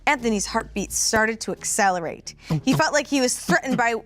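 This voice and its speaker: A woman's voice: a little high, animated, fairly quick, no echo. A woman narrating a fan-fiction story aloud for comedy, amused and often laughing.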